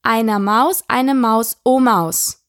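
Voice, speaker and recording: Woman doing a curious little girl, eager, chatty, apologetic, lifted higher voice, storybook reading. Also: slow, a bit bright, dry recording, clean studio sound.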